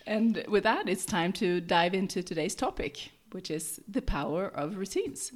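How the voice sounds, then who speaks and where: Woman podcast host with a sore raspy throat, friendly, lowish voice. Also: lively intonation, moderate pace. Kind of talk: casual podcast chat.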